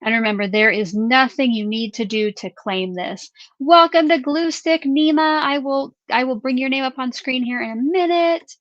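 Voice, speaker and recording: A woman's voice: on the high side, moderate pace, few pauses, a bit bright, dry recording, muffled recording. A woman hosting a craft live stream in casual chat. She reads out viewer names and questions in an upbeat way.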